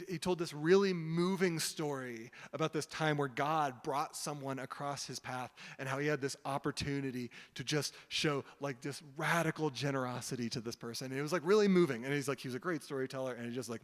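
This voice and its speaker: A man preaching a sermon in a relaxed, conversational way, telling a story with lots of "like" and "um". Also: mid-range voice. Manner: conversational, heavy use of "like" and "um". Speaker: pastor. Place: church hall. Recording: long hall reverb.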